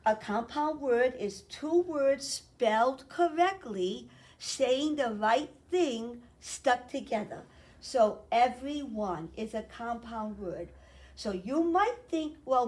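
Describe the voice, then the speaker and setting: A woman teacher giving a remote lesson to young children, explaining slowly and clearly. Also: a little high, a little mellow. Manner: sings a slow chant and invites children to join.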